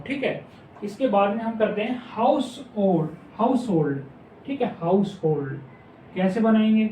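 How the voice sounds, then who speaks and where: A man teaching a shorthand class, explaining step by step and slowly repeating each word, asking questions back to his students. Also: sits high, dark tone, distant mic, a little hiss or hum. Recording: echoey room, mic some way off.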